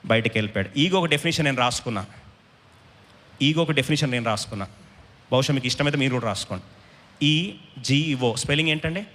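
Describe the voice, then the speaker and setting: A man preaching a sermon in an emphatic style, questioning the congregation and rising to shouts. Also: mid-range voice, fast, long pauses, big-room sound.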